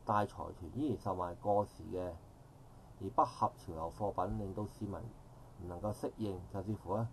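With a low-pitched voice at a moderate pace, a middle-aged man speaks from the audience of an outdoor park forum. His public comment, in a Hong Kong Cantonese accent, runs long and rambling, with formal phrasing and many self-corrections. A little hiss or hum can be heard.

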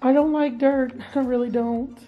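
A young woman, a teacher chatting casually to camera in her classroom, animated and full of fillers. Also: high-pitched, normal speed, narrow, tinny audio, faint music behind. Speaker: middle school science teacher. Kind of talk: casual vlog chat. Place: classroom, indoors.

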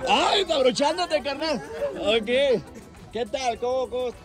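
A young Mexican-accented man with a very high, lively voice hosts a street challenge, joking and egging on the crowd. His slangy banter is caught on a phone camera in a packed outdoor plaza. A loud crowd and music fill the background. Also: very slow. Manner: playful teasing, slangy, cheering and counting down. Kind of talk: casual street hosting, egging people on.

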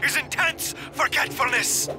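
Pompous cartoon soap-opera doctor, high, solemn and melodramatic. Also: a little slow, over music. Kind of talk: cartoon voice acting.

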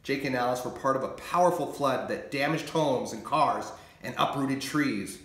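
A man reading his children's book aloud in an expressive, animated storytelling manner. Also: mid-range voice, moderate pace, echoey room.

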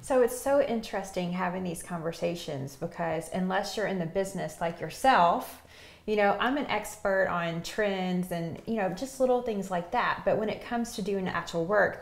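A middle-aged woman hosts a home-design TV segment with upbeat enthusiasm. Her voice sits on the low side, and the tiled bathroom gives it an echoey ring. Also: creaky. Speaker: TV show host.

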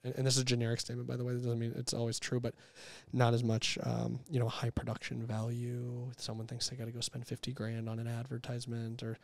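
A man in his thirties, an entrepreneur guest talking candidly in a casual interview, animated and quick to act out quotes. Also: medium pitch, vocal fry, no echo. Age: 30s.

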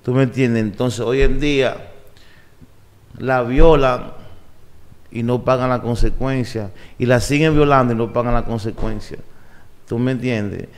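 Man in his forties, street-wise, relaxed talk, desk mic in a studio. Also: mid-range voice, measured pace, long pauses. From Puerto Rico, raised in New York and the Dominican Republic. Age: 40s. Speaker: guest. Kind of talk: casual interview talk. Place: podcast studio. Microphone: desk mic on boom arm.

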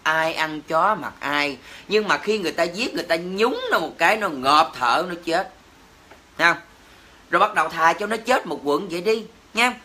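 A man's voice: on the high side, expressive, moderate pace, sharp tone. A man with a Southern Vietnamese accent, ranting indignantly to his livestream viewers, cursing and exclaiming as he talks. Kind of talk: heated livestream rant.

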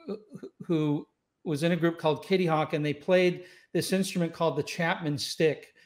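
In a relaxed storytelling interview over video call, a saxophonist guest in his sixties, Scottish-born and LA-raised, reminisces easily and reflectively, often using fillers and restarting. His voice is a little high, steady in tone, at normal speed. He uses a boom-arm studio mic in a home room with wooden doors and shelves.

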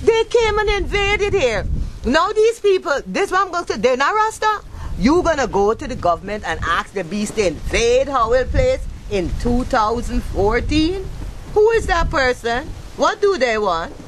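A woman's voice: very animated, normal speed, low-quality recording. A woman in her fifties from Guyana, speaking passionately in an outdoor interview, firing off rhetorical questions into a handheld mic. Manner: passionate, rhetorical questions, wide pitch swings. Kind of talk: impassioned interview talk. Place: outdoors under a thatched shelter. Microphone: handheld mic held by interviewer. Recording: outdoor recording with wind noise. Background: wind and outdoor noise.

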